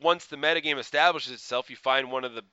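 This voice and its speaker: Bright, rambling podcast guy. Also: medium pitch, fast, clean tone, no room sound, dull audio. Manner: rambling, laughs often, many fillers. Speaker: podcast co-host. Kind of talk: casual podcast chat.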